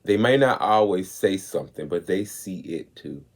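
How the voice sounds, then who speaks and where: A man hosting a commentary show, talking with emphasis and slowing down to stress his points. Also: low voice, animated. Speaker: host. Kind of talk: commentary on clips.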